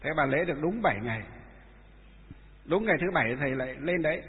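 A man, a Buddhist monk giving a dharma talk and telling stories, with many halting filler sounds. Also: on the high side, lively intonation. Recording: echoey hall, tinny phone-like sound.

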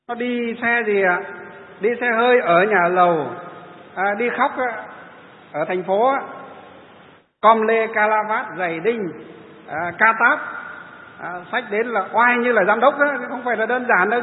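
A man's voice: sits high, a little hiss or hum. A man giving a Buddhist dharma talk, who asks his listeners rhetorical questions and answers them himself, and at times imitates wailing laments. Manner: mimics wailing funeral laments. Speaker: Buddhist preacher. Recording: echoey hall over a tinny line.

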